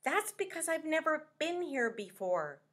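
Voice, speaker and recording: A woman's voice: high-pitched, very animated, unhurried, fairly bright tone, voice pushed up, heavily acted. Rainbow Fish, a woman voicing a small lost fish. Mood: earnest. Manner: polite, earnest and pleading. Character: small young male fish, lost and eager.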